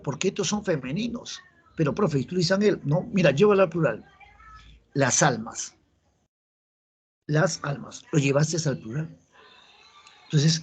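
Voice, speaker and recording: His voice is on the high side with a breathy edge as this Peruvian Spanish-accented man teaches grammar for an entrance exam. Patiently explaining, he repeats key rules and asks his students questions.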